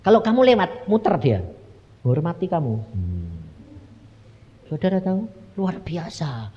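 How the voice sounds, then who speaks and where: A male evangelist with a Javanese accent telling a story in a sermon, animated and emotional, acting out the dialogue. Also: on the high side, unhurried. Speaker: evangelist preacher. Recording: dull echoing hall sound.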